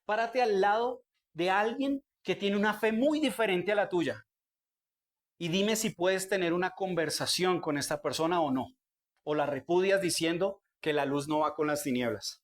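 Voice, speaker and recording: High-voiced young preacher. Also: male voice, moderate pace. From Colombia. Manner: preaching with direct questions to the congregation. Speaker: pastor. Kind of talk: sermon.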